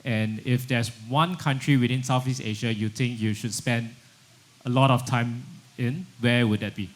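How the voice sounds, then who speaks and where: A man moderating a conference panel, asking questions in a formal, measured way. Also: medium pitch, fairly even intonation.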